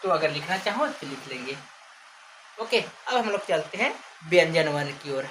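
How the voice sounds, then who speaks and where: Her voice is deep, animated and fairly bright, moving at a moderate pace as she leads a grammar lesson for kids. She keeps putting questions to the class, draws out example words and elongates the names she uses as examples, all over a noisy background.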